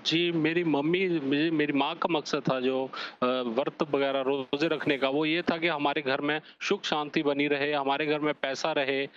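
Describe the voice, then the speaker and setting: A man's voice: a little high, steady tone, unhurried, hardly any pauses, a bit bright. A polite, deferential man who is the caller, talking over a remote call line. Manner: polite, deferential, answers with "ji" and "sir". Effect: muffled call line. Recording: muffled call line with faint noise.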